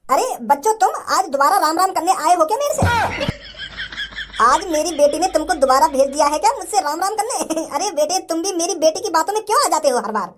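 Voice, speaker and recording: A man voicing a gruff, hot-tempered rustic father in a cartoon, with a village dialect. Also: extremely high pitch, very animated, a little fast, fairly bright tone, full character voice. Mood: amused. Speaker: girl's father. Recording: faint background music.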